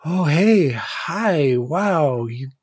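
A man's voice: a little high, animated, very slow, darkish tone, slightly rough, no room sound, studio quality, pitched above the performer's own voice, exaggerated voice. A man voicing a nervous, rambling young gothic thrall who fills every sentence with "like" and "you know". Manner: rambling, full of fillers and "like".

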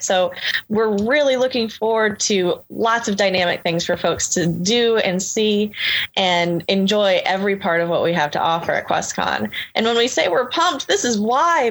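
A woman's voice: mid-range voice, a bit bright. Upbeat woman promoting a convention. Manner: upbeat, listing plans with light laughs. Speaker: convention organizer. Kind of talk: casual interview talk.

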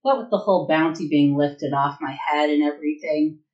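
A woman playing a tabletop role-playing game, narrating her character in a relaxed, amused way. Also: sits low, fairly quick, highs cut off. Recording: echoey room.

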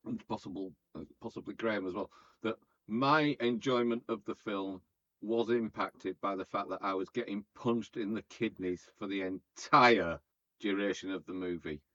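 Podcast co-host: low-voiced joking man, muffled dry lo-fi mic. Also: normal speed, a bit bright, no echo. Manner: joking, rambling, laughs often. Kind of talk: casual film review chat. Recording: dull lo-fi mic.

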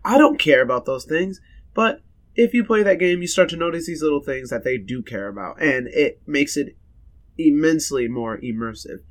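Halting, eager podcast co-host man. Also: a little high, lively intonation. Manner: halting, restarts, then enthusiastic. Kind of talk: casual game review chat.

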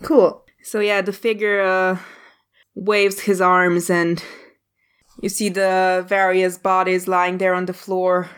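A woman running a tabletop game as game master, with measured, descriptive narration. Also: lowish voice, flat delivery, clear, resonant tone.

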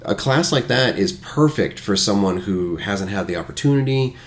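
A man's voice: fairly low pitch, animated, normal speed. A man hosting a casual podcast conversation, talking in long runs and making jokes.

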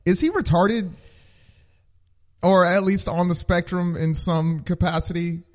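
A man with a notably high voice co-hosts a comedy podcast. He trades quick, quipping reactions in loose, casual banter. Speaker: podcast co-host.

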